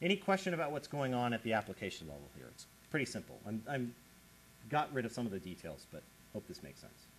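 A man lecturing on computer science, explaining with lively emphasis and checking in with his audience. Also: mid-range voice, quick pace, slight background noise. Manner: animated, explanatory, checks in with listeners. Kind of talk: academic lecture.

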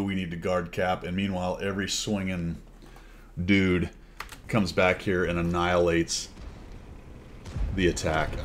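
A man with a low, deep voice gives casual commentary over his own gameplay recording. He is chatty and wry, and exclaims or chuckles when a play goes well. A faint background hum sits under his voice. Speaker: gaming channel host.

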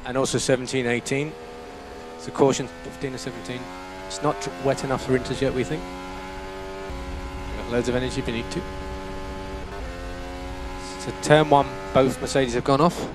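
This race engineer, a man with a mid-range voice, speaks at a moderate pace and pauses often, staying steady as he repeats key phrases in terse, matter-of-fact radio instructions. The team radio transmission is very noisy.

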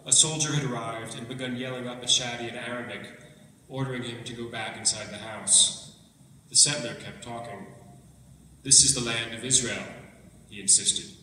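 A man's voice: mid-range voice, slight background noise. Man reading aloud in an echoey hall. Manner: measured, even reading with quoted dialogue. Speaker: author reading from his book. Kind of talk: book reading. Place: event hall. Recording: echoey hall recorded from far off.

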